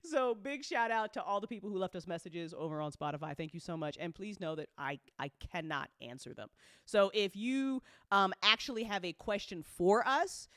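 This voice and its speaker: A host and audio drama creator gives a casual livestream update, reading and answering fan comments, gushing, swearing casually, and giggling easily. The voice is mid-range and fairly bright at a normal speed, recorded with studio quality and no room sound.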